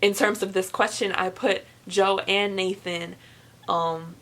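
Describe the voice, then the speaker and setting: Speaking slowly to camera, a young book-review vlogger chats in a medium-pitched, steady voice with a fairly bright tone. She gushes emphatically and often repeats words to stress her point.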